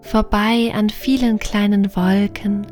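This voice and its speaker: Soft music plays behind a woman narrating a sleep story and guided relaxation at bedtime. Her medium-pitched voice is gentle, soothing and slow with a flat delivery, sometimes dropping nearly to a whisper.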